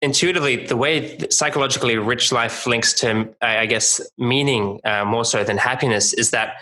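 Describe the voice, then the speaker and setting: A man hosts a podcast interview with a bright, forceful voice. He thinks aloud and restarts his sentences as he works through an idea. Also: medium pitch, normal speed, rough recording. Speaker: podcast host.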